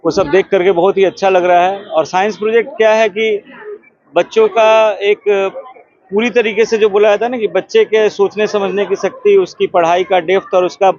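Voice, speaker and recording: A man visiting as a guest, speaking to a news camera in a measured, praising way. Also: high voice, fairly even intonation, a little mellow, dry recording. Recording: dry, dull lo-fi news audio.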